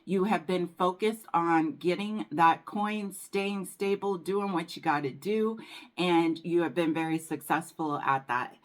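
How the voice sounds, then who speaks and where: A woman reads tarot cards for her viewers in a casual, chatty way. Her voice sits a little low, and she often calls them darling. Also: unhurried. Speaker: tarot reader. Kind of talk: casual tarot reading to camera.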